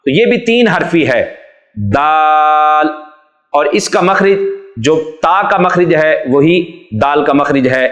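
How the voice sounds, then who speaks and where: Man, patient teacher, slightly high voice, echoey room, children's letter-reading lesson. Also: a bit bright. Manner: patient, explains each letter then draws it out slowly.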